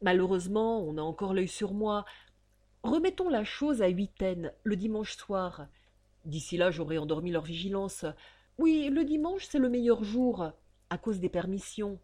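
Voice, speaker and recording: A woman voicing a bold, scheming male fugitive who talks briskly and gives orders, in an audiobook. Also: medium pitch, expressive, dark tone, close to an everyday voice.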